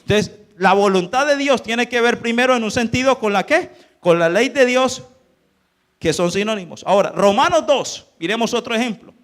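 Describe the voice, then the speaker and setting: A man's voice: extremely high pitch, animated, moderate pace, a bit bright. A man preaching a sermon as pastor, firing rhetorical questions at the congregation. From Colombia.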